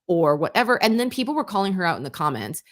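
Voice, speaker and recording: A woman co-hosting a talk radio show in relaxed back-and-forth chat. She speaks frankly and with lively emphasis when she gives her take. Her voice sits a little low for a woman. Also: fast talker. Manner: frank, opinionated, animated. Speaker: radio co-host.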